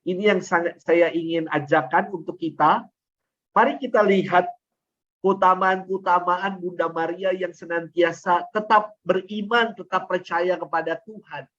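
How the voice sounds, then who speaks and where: Heartfelt priest preaching over dull webinar audio. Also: male voice, high voice, steady tone, measured pace, fairly bright tone, slight background noise. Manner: emotional storytelling, repeats phrases for emphasis. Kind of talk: sermon.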